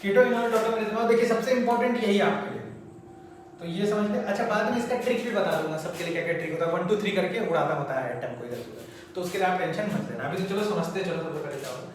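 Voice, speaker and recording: High-voiced male chemistry teacher, echoey room. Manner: chatty, coaxing, repeats terms slowly for students. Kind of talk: classroom lecture at a board. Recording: very echoey room, mic far off, faint noise.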